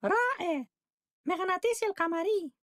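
A woman's voice: very high voice, lively intonation, moderate pace, a bit bright, no room sound, studio quality. A woman voicing a smug, mischievous villain girl in a children's cartoon game, gloating and theatrical, with a dubbed delivery. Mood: demanding.

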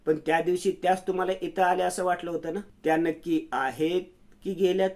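An anxious young woman who will not stop asking, her questions urgent and pleading, as a man acts her out. The voice sits slightly high. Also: fairly even intonation, fairly quick, darkish tone. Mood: probing.

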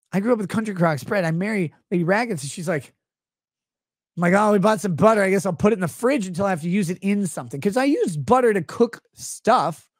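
Animated sarcastic man with a high voice. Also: no room sound, clean studio sound. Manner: sarcastic, rambling, jumps between voices. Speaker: streamer host. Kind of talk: comedic live-stream rant. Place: small home studio room, indoors. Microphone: close studio mic on stand.

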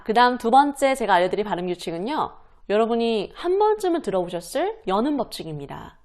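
Lively woman teaching pronunciation. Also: a little high. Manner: demonstrates English words slowly and repeats them; lively, asks and answers her own questions. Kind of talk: explaining lesson to camera.

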